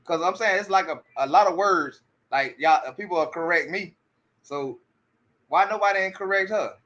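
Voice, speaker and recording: A man's voice: high-pitched, normal speed, a bit bright, highs cut off. A man giving casual commentary, often restarting his sentences and repeating rhetorical questions to his audience. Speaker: commentary streamer.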